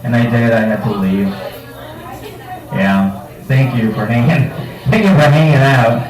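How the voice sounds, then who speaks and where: A man working a bar crowd with loose, foul-mouthed, self-mocking stand-up. His voice sits in an ordinary middle pitch. The recording catches him from a distance in a reverberant room. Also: unhurried. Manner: casual, profane, self-mocking crowd work. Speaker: stand-up comedian. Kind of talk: live stand-up set. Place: bar comedy night. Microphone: handheld microphone. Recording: roomy bar sound from a distance.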